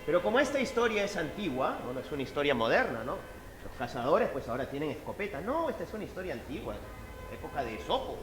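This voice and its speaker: A storyteller tells a fable to a live audience, animated and expressive. His voice sits high for a man and swings widely in pitch. The sound is echoey, as in a hall, with faint background ambience. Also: quick pace, music in the background. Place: event hall at a book fair.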